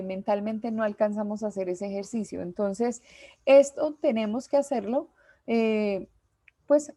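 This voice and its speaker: A woman teacher, giving a class lecture patiently and slowly, with many pauses and fillers. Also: mid-range voice, a little mellow, no echo.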